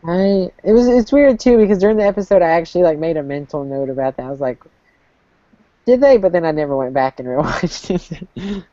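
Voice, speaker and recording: Giggly low-voiced woman, mellow tone. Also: quick pace, hardly any pauses, no echo, muffled recording. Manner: giggly, frequent laughter. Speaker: podcast co-host. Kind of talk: casual fan recap chat.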